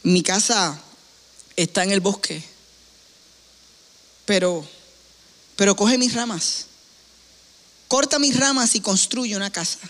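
Brief: man reading a gentle giving tree, soft and slow, long reverb. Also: high voice. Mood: tender. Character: gentle loving old apple tree, selfless.

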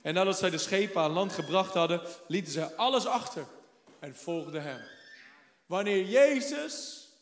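A high-pitched man delivers a fervent sermon as a pastor, pushing toward loud, emphatic declarations. His voice rings through a roomy hall with a long, trailing reverb. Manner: fervent preaching with rising exclamations.

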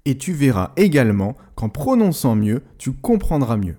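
A man hosting a language-learning podcast, explaining pronunciation tips in a clear, didactic way, slowing down to model words. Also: mid-range voice, sing-song, warm tone. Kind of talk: scripted educational narration.

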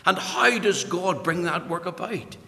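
A man's voice: sits high, a little slow, vocal fry, pushed and bright. A man with a Northern Irish accent preaching an evangelical sermon in an emphatic way, repeating phrases for weight. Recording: echoey hall with long reverb.

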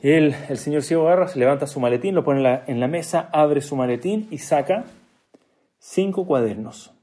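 A man delivers a sermon as a string of stories, acting out the people he quotes and dropping joking asides to his listeners. His voice sits a little high for a man, yet its tone is mellow and warm. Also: normal speed. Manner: acts out quoted dialogue. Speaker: speaker giving a religious talk. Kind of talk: storytelling sermon.

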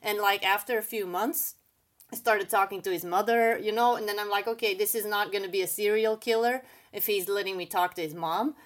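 A woman's voice: medium pitch, steady tone, fairly quick. A woman, an English speaker telling her own story candidly and casually as an interview guest. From Belgium. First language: not English. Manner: candid, casual, many "like" fillers. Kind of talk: personal storytelling.

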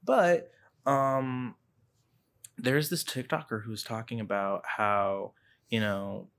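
A man's voice: fairly low pitch, steady tone, slow pace, creaky, a bit bright. A young man co-hosting a casual podcast, rambling with lots of fillers and laughs. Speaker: podcast co-host. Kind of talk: casual chat.

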